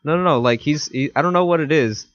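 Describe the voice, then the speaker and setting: A young man co-hosting a casual podcast, laid-back and teasing in a deadpan way, sniffly from a cold. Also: on the high side, quick pace. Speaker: podcast co-host. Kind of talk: casual chat. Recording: dry, dull lo-fi sound.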